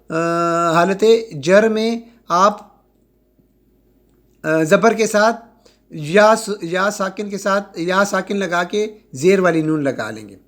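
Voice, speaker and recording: A man teaching an Arabic grammar lecture, slowly drawing out and repeating example words and often checking that students follow. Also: high voice. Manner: slow, drawn-out repetition of example words; checks in with "ٹھیک ہے؟".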